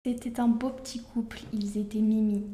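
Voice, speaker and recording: A woman's voice: on the high side, flat delivery, moderate pace, warm tone, reverberant, close to an everyday voice. A woman playing a devoted mother in her fifties, speaking tenderly. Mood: fond. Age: 50s. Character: fond middle-aged mother, 50s.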